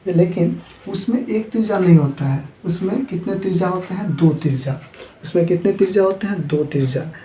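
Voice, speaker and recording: A man's voice: sits high, fairly quick, mellow. Echoey-voiced man teaching math. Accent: Hindi-speaking eastern India, Jharkhand. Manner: asks questions and answers them himself, repeating terms. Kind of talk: classroom lesson at a board. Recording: echoey room.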